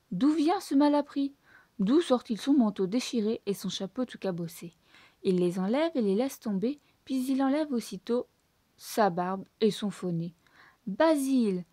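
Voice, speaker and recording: A woman reading a children's storybook aloud, lively and expressive in her delivery. Her voice sits somewhat high with a mellow, warm tone. The sound is dry and close. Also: moderate pace, no echo. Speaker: storybook reader.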